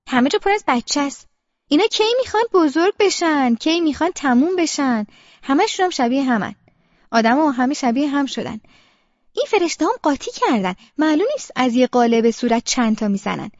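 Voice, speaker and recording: A woman's voice: sits high, dry recording, lo-fi sound. A woman narrating a first-person audiobook in an inward, present-tense monologue.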